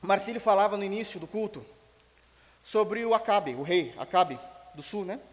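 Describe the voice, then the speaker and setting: A Brazilian man preaching a sermon as pastor, telling a story in an animated way and acting out its dialogue. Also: high-pitched, moderate pace. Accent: Brazilian Portuguese. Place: church sanctuary. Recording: long church hall reverb.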